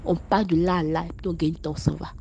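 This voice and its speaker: Stammering young Ivorian woman, animated. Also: on the low side, quick pace, gravelly, lo-fi sound, slight background noise. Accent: Ivorian French. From Ivory Coast. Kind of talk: casual storytime vlog.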